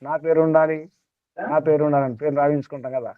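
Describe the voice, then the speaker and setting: A spiritual teacher gives a discourse to a small group in a somewhat raised, clear, resonant voice, speaking fairly quickly and keeping a steady tone. He circles back to the same phrases and presses listeners with rhetorical questions. The sound is thin and phone-like, dry and close, with no echo.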